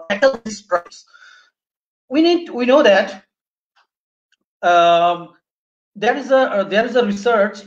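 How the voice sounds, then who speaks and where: A man from Bangladesh in his thirties with a Bangladeshi accent, giving an academic presentation over a video call, halting with many fillers and restarts. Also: high voice, a bit bright. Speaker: webinar speaker. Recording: muffled online call audio.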